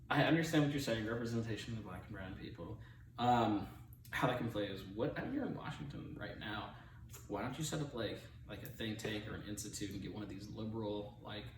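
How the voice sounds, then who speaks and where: A man hosting a casual chat, loose and joking, with profane slang. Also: fairly low pitch. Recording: roomy, distant mic, faint noise.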